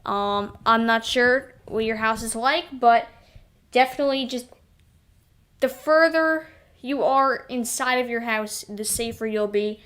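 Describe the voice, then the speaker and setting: Clear, somewhat high-voiced woman. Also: unhurried, a bit bright. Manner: hesitant, self-correcting, apologetic. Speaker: host of storm livestream. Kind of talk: casual live weather commentary.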